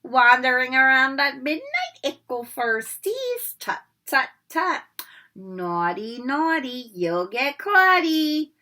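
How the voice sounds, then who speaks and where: A woman's voice: high voice, very animated, slow pace, bright, forceful tone, pitched above the performer's own voice, heavily acted. A woman voicing a gleeful, mischievous male poltergeist with singsong taunts, reading it aloud from a storybook. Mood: taunting. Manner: singsong cackling taunts, bellowing.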